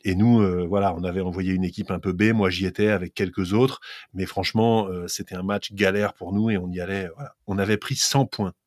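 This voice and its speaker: A man's voice: sits low, steady tone, brisk, darkish tone, dry recording, clean studio sound. A man, a former rugby player and regular of the show, telling a rambling anecdote with self-deprecating humor. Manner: rambling, laughs at himself. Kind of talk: casual storytelling.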